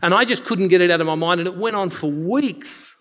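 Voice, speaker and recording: A man's voice: sits high, brisk. A man from Western Australia with an Australian accent, telling a story to a live audience and acting out the dialogue. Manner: animated, acts out dialogue with a hushed voice for God. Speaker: speaker. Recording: long hall reverb.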